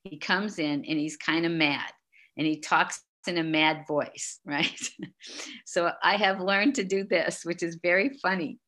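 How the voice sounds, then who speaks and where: A middle-aged woman with a notably low-pitched voice talks in a relaxed interview. Her manner is gently instructive, patiently explaining and guiding a listener through a calming exercise. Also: unhurried. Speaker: guest expert. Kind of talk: casual interview talk.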